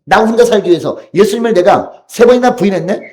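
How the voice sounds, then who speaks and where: A despairing male disciple berates himself in emphatic, self-reproaching bursts, as a preacher acts him out. The voice sits a little higher than his plain preaching but keeps a mellow, dark tone. It is a sermon retelling, not a staged drama. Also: lively intonation, quick pace.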